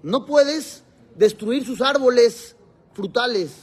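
A man leads a Torah lesson, his voice pitched fairly high and noticeably husky. He quotes Hebrew verses, then unpacks them in with a string of quick rhetorical questions he answers himself. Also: animated. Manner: mixes Hebrew verses into Spanish teaching. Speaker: rabbi teaching students.

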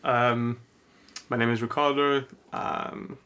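A young man in his twenties chats casually on a podcast in a mid-pitched voice. He is bilingual, with Italian as a first language, from London and raised in Italy. He speaks softly and hesitantly, filling his pauses with ums. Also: little pitch movement, smooth. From born in London, raised in Italy. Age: 20s. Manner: hesitant, lots of ums, soft-spoken. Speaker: podcast co-host. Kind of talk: casual chat.

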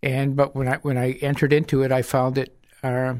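A middle-aged man speaking as a guest on a talk radio show, with a voice of ordinary pitch. He tells his story in a measured, reflective way. The studio sound is dry and close. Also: completely flat delivery, a little mellow, no room sound. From United States. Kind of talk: radio interview. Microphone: studio mic with headphones.

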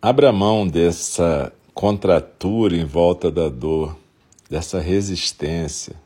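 Short, soothing phrases separated by long pauses come from a Brazilian man guiding a meditation. His voice is very deep and husky, his Brazilian Portuguese accent clear, and his pace very slow and gentle.

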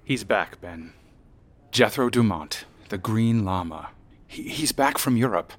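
A man's voice: lowish voice, animated, measured pace. An actor playing a concerned, probing male friend in a radio drama.

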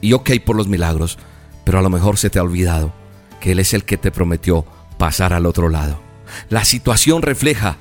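Dramatic storytelling male preacher. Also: fairly low pitch. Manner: dramatic, vivid retelling with pauses. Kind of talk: sermon with storytelling. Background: soft music.

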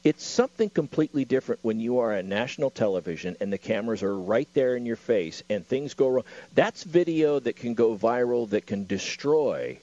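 A man's voice: medium pitch, animated, brisk, few pauses, mellow, dull audio. A man co-hosting talk radio, giving emphatic, opinionated commentary. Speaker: radio talk show co-host.

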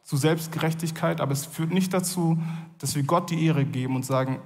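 A man's voice: on the high side, brisk. Man preaching casually in a reverberant hall. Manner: casual, conversational preaching with many fillers. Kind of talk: sermon.

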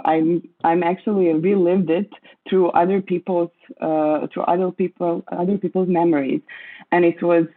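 A woman in her thirties from Croatia, speaking as a panel guest in halting English, often pausing and restarting to find her words. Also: on the low side. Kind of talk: panel discussion. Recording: tinny phone-like line.

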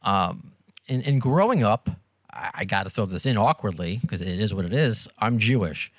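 Dry and free of echo, the recording captures a fairly low, animated voice moving at normal speed. It belongs to a middle-aged New Yorker, a podcast host and radio presenter who keeps his interview chat casual and pokes fun at himself.

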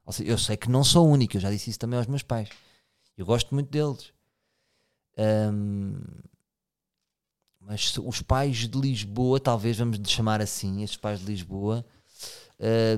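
A man's voice: medium pitch, a little mellow, clear, resonant tone. A man in his thirties with a European Portuguese accent, hosting a podcast and musing aloud in a casual monologue, often restarting and speaking straight to his listeners. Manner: musing, frequent restarts, addresses listeners directly. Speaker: podcast host.

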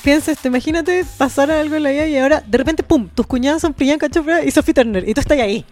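A woman's voice: high-pitched, fast, darkish tone, soft background music. A young Chilean woman co-hosting a casual pop culture chat, slangy and laughing often.

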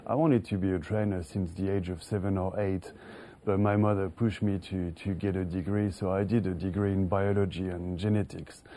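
A man's voice: low-pitched, fairly even intonation, moderate pace, mellow. A middle-aged man from France, a horse trainer, answering interview questions with many restarts and chuckles; French is his first language. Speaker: racehorse trainer.

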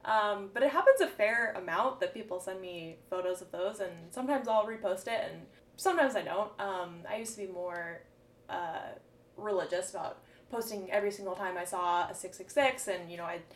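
A woman hosting a casual podcast conversation, relaxed and musing, with many "um"s and small laughs. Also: medium pitch, a little fast. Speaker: podcast host. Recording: roomy, distant mic with faint background noise.

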